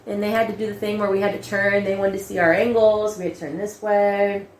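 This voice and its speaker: A young adult woman casually telling a personal story, animated, laughing often and acting out quoted lines. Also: medium pitch, a little fast, echoey room, slight background noise.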